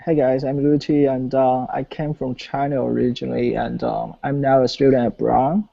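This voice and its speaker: A man's voice: medium pitch, little pitch movement, moderate pace, creaky. A man introducing himself on a video call, friendly and a little hesitant. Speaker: participant. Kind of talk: casual self-introduction. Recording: muffled lo-fi audio.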